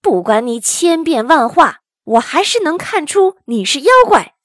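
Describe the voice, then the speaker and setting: A woman voicing a brash, hot-tempered monkey hero who argues loudly and forcefully. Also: high-pitched, sing-song, measured pace, dry recording, clean studio sound, voice pushed up. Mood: indignant. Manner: loud, forceful and indignant.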